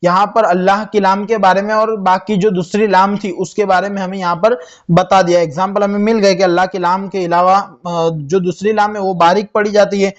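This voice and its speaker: A man's voice: high voice, flat delivery, dull audio. A young man teaching Quran reading, spelling out letters and vowel marks one at a time, asking questions and answering them himself. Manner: spells letters slowly, then reads the word drawn out; asks questions and answers them himself, says "theek hai" often. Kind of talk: spelling-out tajweed lesson.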